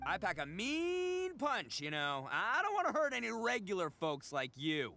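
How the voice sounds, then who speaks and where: A man's voice: high-pitched, wildly swooping pitch, normal speed, vocal fry, pushed and bright, heavily acted. A man voicing a boastful, goofy horned gang leader in a video game, with swaggering, stammering bravado. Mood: cocky. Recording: game audio with music behind.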